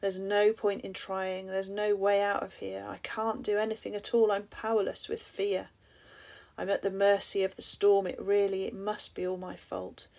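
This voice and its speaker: Here a woman with a mid-range voice and level tone recites rhyming spoken-word poetry at normal speed. She speaks softly, often dropping to a breathy half-whisper, and sometimes stops to ask the listener something reflective.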